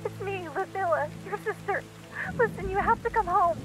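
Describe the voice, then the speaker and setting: A woman's voice: very high-pitched, moderate pace, over music, rough recording. An actress playing a frightened young woman who pleads with her brother to come home, in a video game. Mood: scared. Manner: pleading, desperate, turns bitter.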